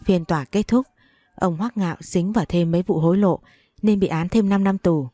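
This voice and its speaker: A woman reads a long story aloud in a steady storytelling manner. Her voice is low and mellow, and the recording is dry and close. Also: normal speed, dry recording. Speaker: narrator. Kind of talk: audiobook story reading.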